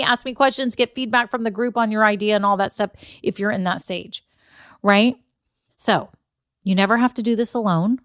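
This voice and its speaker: A woman's voice: medium pitch, no echo, studio quality. A woman, hosting a casual solo podcast, chatty and encouraging with frequent asides. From Texas. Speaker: podcast host.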